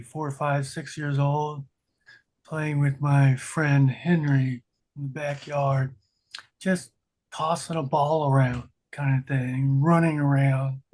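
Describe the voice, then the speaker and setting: Older man, unhurried and slightly high. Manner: relaxed, unhurried, hesitant with fillers. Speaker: conference participant. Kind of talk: casual sharing in a workshop.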